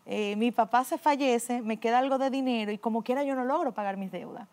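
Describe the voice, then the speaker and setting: A woman's voice: a little high, brisk. Earnest woman giving a testimony. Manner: earnest, repetitive, often drops to a quiet voice. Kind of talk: emotional personal testimony.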